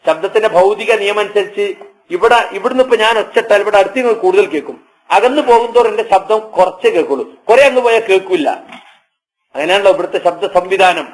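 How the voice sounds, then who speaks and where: High-voiced man preaching a sermon. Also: rough recording. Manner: recites Arabic verses slowly and then explains them; rhetorical questions to the audience. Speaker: Islamic preacher.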